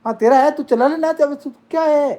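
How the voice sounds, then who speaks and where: A woman's voice: high-pitched, brisk, warm tone. A woman at home talking to her young children, coaxing and scolding them in repetitive, speech. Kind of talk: casual family home video.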